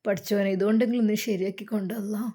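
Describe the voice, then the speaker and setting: A woman's voice: mid-range voice, steady tone, rapid-fire, warm tone, husky, close to an everyday voice. A woman voicing an anxious mother who prays tearfully over her daughter.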